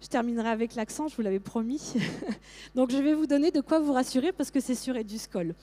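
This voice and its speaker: A middle-aged woman giving a lively conference talk to teachers, with frequent fillers and restarts. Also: sits high, fairly quick. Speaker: teacher trainer presenting to teachers.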